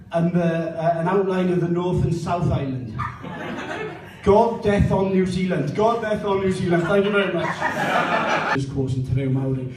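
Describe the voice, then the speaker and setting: A man in his thirties with a South Wales Valleys accent, performing live stand-up comedy. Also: sits high. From Pontypridd, South Wales. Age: 30s. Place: indoor live gig venue. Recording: roomy, distant mic, faint noise.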